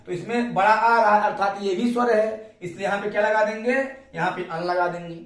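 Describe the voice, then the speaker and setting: A man's voice: high voice, fairly even intonation, brisk, distant mic. Indian man teaching grammar in an echoey room. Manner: repeats questions to students. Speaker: English teacher. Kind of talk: classroom grammar lesson.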